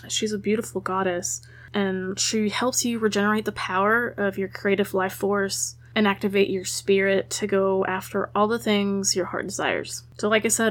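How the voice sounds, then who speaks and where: Woman giving a casual, gentle tutorial. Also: medium pitch. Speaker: host of a spiritual how-to episode. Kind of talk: informal spoken tutorial.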